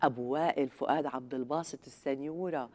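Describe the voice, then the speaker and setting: With an extremely low, slightly mellow voice, a middle-aged Lebanese woman races through a scripted satirical monologue in a TV studio. As host of the show, she piles on sarcasm and mock outrage in an escalating comedy rant.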